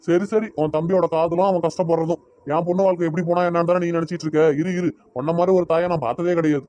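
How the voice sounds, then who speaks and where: A man's voice: a little high, fairly even intonation, fast talker, mellow, close to an everyday voice. A man with a Tirunelveli Tamil accent voicing a stubborn middle-aged father in a cartoon, scolding his wife in an argument. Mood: heated. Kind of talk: cartoon voice acting.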